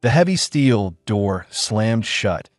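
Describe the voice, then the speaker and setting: A man's voice: on the low side, very animated, takes it slowly, no echo, clean studio sound. A man narrating a dramatic story in a scripted, storytelling reading.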